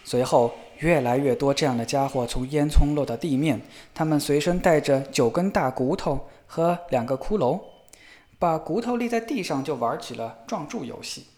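A man narrating a fairy tale in a lively, expressive storybook reading. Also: fairly high pitch, normal speed.

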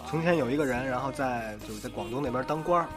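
Man telling stories haltingly over music. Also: medium pitch. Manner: halting, repetitive phrasing. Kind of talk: casual storytelling on a panel. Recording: music playing behind the voice.

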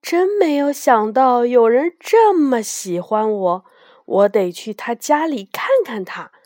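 A woman's voice: fairly high pitch, lively intonation, slow, a little mellow, no room sound, clean studio sound. A woman voicing a kind, friendly male dragon in a children's storybook. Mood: happy. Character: gentle kindly male dragon from the sky.

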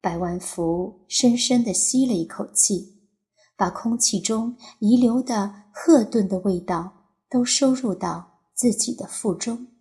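A woman reads a novel aloud as an audiobook narrator. Her delivery is calm and even, and she takes a slow, deliberate pace. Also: medium pitch.

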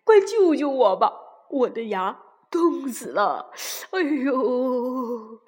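A woman's voice: high-pitched, big pitch swings, extremely slow, a little mellow, husky, full character voice. A woman voicing a whimpering fox in pain. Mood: pleading, moaning. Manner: moaning, pleading, groaning in pain. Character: sly adult male fox, pitiful and whining. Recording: long reverb.

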